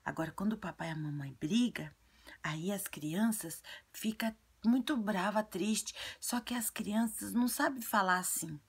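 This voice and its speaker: A woman voicing an earnest, chatty little girl who tells childlike stories and gives advice in a breathy, often half-whispered voice. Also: mid-range voice, measured pace. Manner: childlike storytelling, repetitive. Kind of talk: video monologue in character.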